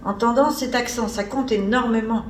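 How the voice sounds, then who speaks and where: A woman whose voice runs on the high side speaks at a moderate pace in an informal, digressive seminar talk, sounding like she's thinking aloud. The mic is far from her in an echoey seminar room, and a little hiss or hum comes through.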